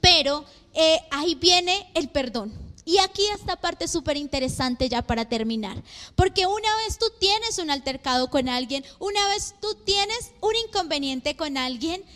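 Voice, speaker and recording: High-voiced woman preaching in echoey hall. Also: animated, moderate pace, fairly bright tone. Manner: asks the congregation many rhetorical questions. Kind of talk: sermon. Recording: long hall reverb.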